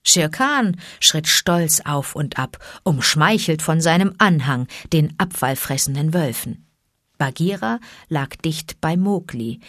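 A woman reads a storybook in an even, measured narration. Her voice sits fairly low, and the recording is dry and close with no room sound. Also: no echo. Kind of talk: storybook reading.

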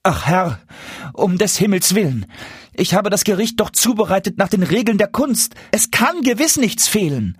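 A man voicing a frightened little dwarf cook in a fairy-tale reading, begging in a high, trembling voice. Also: animated, unhurried, few pauses, a little mellow, breathy edge, no room sound, clean studio sound, heavily acted. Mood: pleading. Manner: pleading, trembling.

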